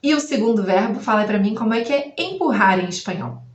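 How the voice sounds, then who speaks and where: A woman with a fairly high voice teaches a language lesson straight to the viewer. She asks questions, then repeats each word slowly and clearly. The room gives her voice a noticeable echo. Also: expressive, lo-fi sound. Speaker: Spanish teacher.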